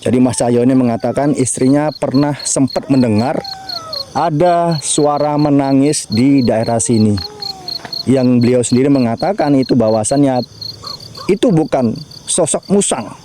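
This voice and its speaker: A man's voice: medium pitch, normal speed, background noise. A man with a Javanese accent livestreaming from a riverside grave at night, chatting with viewers and calling out to spirits. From Java. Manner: chatty, talks to viewers and chat, invokes spirits. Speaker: mystery vlogger.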